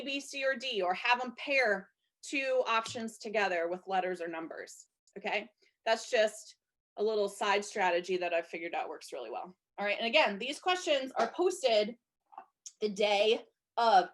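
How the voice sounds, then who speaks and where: A woman coaching sellers in a chatty instructional talk, slightly hoarse from losing her voice and often checking in with her listeners. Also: on the high side, a bit bright. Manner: chatty, checks in with "okay?" and "you guys". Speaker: direct sales trainer.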